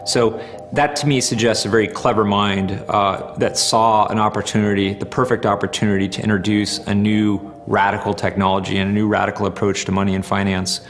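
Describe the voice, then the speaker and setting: A man giving measured, analytical commentary in an interview. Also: on the low side, little pitch movement, slight background noise.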